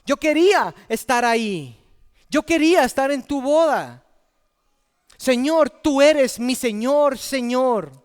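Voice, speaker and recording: A man's voice: very high-pitched, expressive, takes it slowly, smooth, in a large hall, pitched above the performer's own voice, full character voice. A man voicing foolish young women who plead desperately at a locked door in a sermon. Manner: pleading, repeating the name over and over. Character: desperate foolish virgins begging at a shut door.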